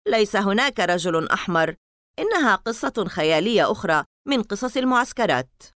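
A woman's voice: medium pitch, big pitch swings, brisk, fairly bright tone, no echo, clean studio sound, pitched above the performer's own voice. A woman voicing a sarcastic, skeptical boy at summer camp. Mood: dismissive. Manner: sarcastic, dismissive.

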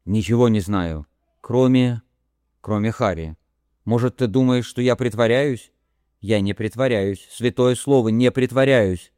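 A man reading an audiobook who voices a fragile, tearful young woman, pleading and halting as she breaks down. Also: mid-range voice, warm tone, clear, resonant tone, no echo, clean studio sound, voice pushed up, close to an everyday voice.

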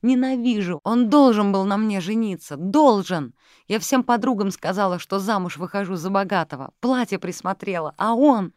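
A reader voicing a greedy young female secretary who shouts and mutters through clenched teeth. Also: medium pitch, expressive, a little slow, no echo, clean studio sound, voice pushed up, close to an everyday voice. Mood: hysterical. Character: furious young woman secretary, greedy and vengeful.

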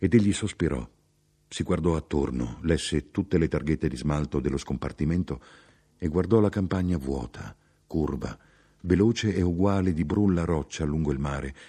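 A man giving a measured, expressive literary audiobook reading. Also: a bass voice, breathy edge. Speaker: audiobook narrator.

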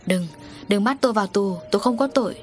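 A woman's voice: medium pitch, fast talker, darkish tone, lightly acted. Feverish older man, rambling, pleading in delirium read by a woman, audio story with faint music. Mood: delirious.

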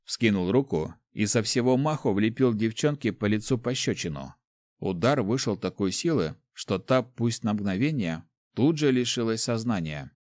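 A man with a low voice narrates a fantasy story in the first person, steady and measured. The sound is dry and close, with no room echo at all.

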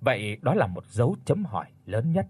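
A man narrating a horror audiobook in a dramatic, expressive storytelling voice. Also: medium pitch, a little fast, breathy edge, dry recording.

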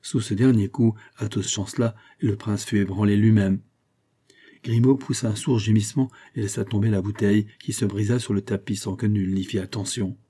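A man narrating a classic novel as an audiobook, in a steady, measured storytelling voice. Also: lowish voice, slightly rough. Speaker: audiobook reader.

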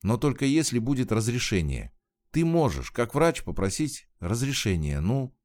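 A man's voice: mid-range voice, sing-song, a little mellow, pitched above the performer's own voice, lightly acted. A man doing a frightened young woman near tears. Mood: urgent. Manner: pleading, halting, raised voice.

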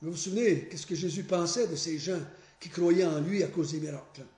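A man leading a Bible study. He prays, reads scripture aloud and explains it earnestly, pausing often and restarting his phrases. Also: a little high, darkish tone. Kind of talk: Bible study teaching with prayer and scripture reading. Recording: echoey room.

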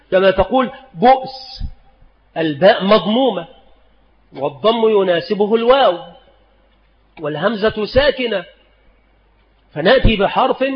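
High-voiced man lecturing in an echoing hall. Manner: slow, deliberate, repeats each rule and example. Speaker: Islamic scholar teaching spelling rules. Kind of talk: recorded lecture. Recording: dull lo-fi recording in a reverberant hall.

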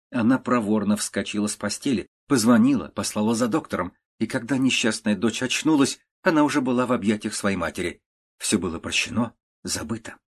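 A man narrating a classic prose story in a measured, even audiobook reading. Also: fairly low pitch, slightly rough.

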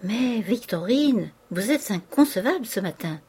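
A prim, protective older woman, read by an audiobook narrator, speaks in a hushed, reproving way to her young ward. She sounds proper and discreet in this novel reading. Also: mid-range voice, expressive, measured pace, husky.

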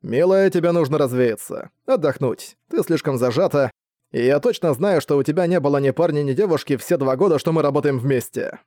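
A man's voice: on the high side, a little fast, warm tone, no room sound, clean studio sound, close to an everyday voice. A man voicing a cocky male ex-villain who is smug, flirty and mocking.

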